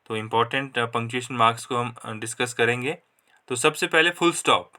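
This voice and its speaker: A man giving a recorded lecture, reading rules slowly and then explaining them casually with pauses and fillers. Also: medium pitch, pushed and bright. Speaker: teacher. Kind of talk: classroom lecture, mixing Hindi and English.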